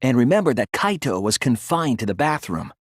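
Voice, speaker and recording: Shuichi Saihara, an expressive young detective. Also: male voice, mid-range voice, no echo, clean studio sound. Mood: earnest, analytical. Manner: deliberate, earnest, articulate reasoning. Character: earnest young male detective, analytical and quietly resolute. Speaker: video game voice actor. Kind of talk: English game dub, dramatic courtroom deduction.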